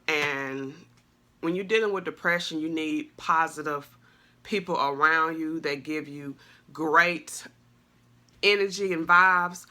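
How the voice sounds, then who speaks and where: A woman in her thirties chatting casually to her channel, rambling with lots of fillers and speaking into a phone. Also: deep voice. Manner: warm, effusive thanks to a friend. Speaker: vlogger. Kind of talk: casual chat to camera.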